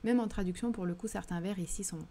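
A woman's voice: mid-range voice, fast talker, mellow. A woman with a southern French accent, hosting a live book discussion, speaking thoughtfully with frequent hesitations and restarts. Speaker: literary livestream host. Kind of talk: live book discussion reading chat questions.

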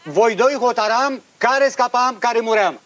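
A man playing a gruff jailer, speaking slow broken Romanian. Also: extremely high pitch. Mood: menacing. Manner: broken grammar, slow and blunt. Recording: loud background noise.

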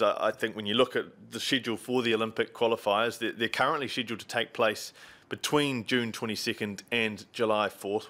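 A man's voice: on the low side, a bit bright. A man in his thirties with a New Zealand accent, presenting and interviewing conversationally as a sports host. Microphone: desk microphone close in front, video call.

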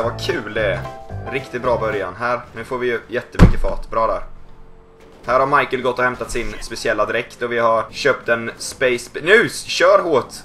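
A young man giving joking, excitable commentary over a video game. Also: medium pitch. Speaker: gaming YouTuber.

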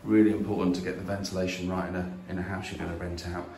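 Low-pitched and darkish in tone, this man talks fast with little pitch movement. He's a property investor casually touring an empty house on video, restarting often and filling gaps with fillers as he holds his phone at arm's length, with slight background noise.

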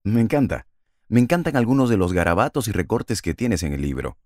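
Man in his forties, low voice, lively pitch, enthusiastic host, video call from a home office. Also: a little fast, no room sound, studio quality. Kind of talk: interview hosting. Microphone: video call with earphones.

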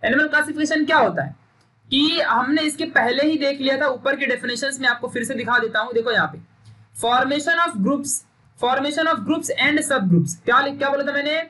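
A man's voice: extremely high pitch, moderate pace, bright, forceful tone. A young man teaching a recorded science lesson, emphatic and stern, drilling points and scolding students into memorizing. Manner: stern, scolding pep talk.

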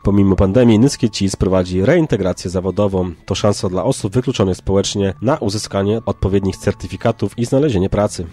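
A man reading scripted local news in a measured, formal way. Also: lowish voice, dark tone. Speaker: news narrator. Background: background music.

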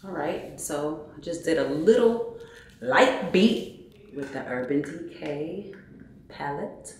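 A woman in her thirties, a vlogger and mom, casually narrates while recording her baby and kids on a handheld camera in a hotel room, lobby and around city streets. Her voice sits low and is a little mellow, expressive and slow-paced, with slight background noise.

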